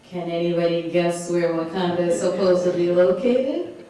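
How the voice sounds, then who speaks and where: A woman's voice: fairly low pitch, steady tone, moderate pace, mellow, far from the mic. A woman from Malawi giving an author talk to an audience, engaging them with questions and laughing often. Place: community hall. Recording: echoey hall recorded from afar.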